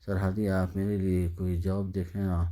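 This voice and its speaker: A man's voice: low voice, little pitch movement, mellow, close to an everyday voice. A man reading a weary young woman. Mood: pleading.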